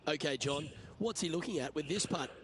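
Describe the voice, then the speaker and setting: A man's voice: fairly high pitch, fairly quick, lightly acted. A man working as lead golf commentator, calling play-by-play in a broadcast style. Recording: clear background ambience noise.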